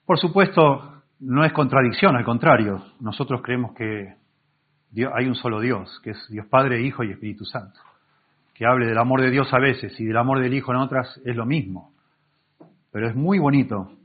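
A man's voice: mid-range voice, slightly rough. A male pastor giving a Bible-teaching sermon, reading verses aloud and explaining them, often correcting himself mid-word. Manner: reads scripture aloud and explains it, with many self-corrections. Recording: tinny phone-like recording.

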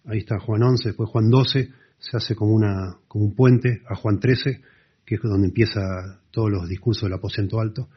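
A man preaching a sermon, explaining scripture earnestly and dropping to soft emphasis. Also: lowish voice, fairly even intonation, normal speed, breathy edge. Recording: dull lo-fi sound.

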